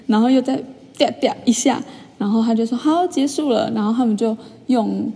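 A young woman chats through a story for her vlog, full of fillers and animated asides. Her voice is mellow and husky with a gravelly edge of fry. A long reverb trails after her words. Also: a little high, moderate pace. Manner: chatty, animated retelling with many fillers. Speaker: vlogger. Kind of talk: casual storytelling monologue.

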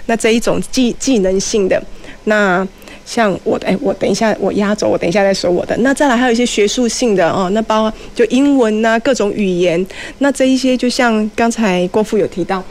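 A woman's voice: medium pitch, brisk, a little mellow. A middle-aged woman with a Taiwanese Mandarin accent, explaining things casually and chattily, slipping into Hokkien and asking rhetorical questions. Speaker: community college teacher, guest speaker. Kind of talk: casual explanatory talk on a show.

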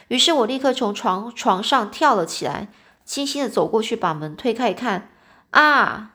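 A woman reads a storybook aloud with a slightly high voice. Her telling is loose and chatty. She fills it with little particles and sometimes restarts her words. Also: a bit bright. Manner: chatty, with fillers and small slips. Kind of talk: reading a storybook aloud in a loose spoken retelling.

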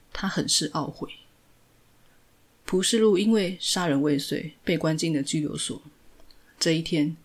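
A woman podcast host narrating a recap of a drama episode in steady, scripted storytelling. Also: low voice, husky.

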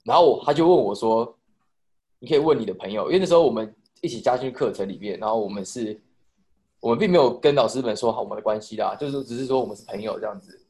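A young man with a Taiwanese Mandarin accent tells a long, rambling story to friends on a podcast. He talks fast at a middle pitch. He restarts his sentences and swears casually as he goes. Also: darkish tone. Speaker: podcast co-host telling a story. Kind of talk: casual chat.

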